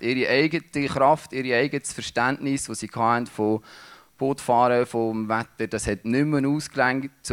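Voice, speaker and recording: A man giving a sermon, speaking in a halting way with restarts as he searches for words. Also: medium pitch. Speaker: preacher.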